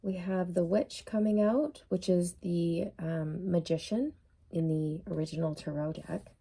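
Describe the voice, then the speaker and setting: With a lowish, dark, steady voice and some vocal fry, a tarot reader muses unhurriedly through a casual reading, using lots of fillers. She says she's losing her voice, and there's a faint hiss or hum.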